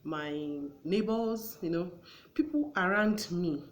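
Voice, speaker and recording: A woman's voice: fairly low pitch, slow pace. A woman hosting a conversational talk show. She gives earnest advice and acts out everyday exchanges as she goes.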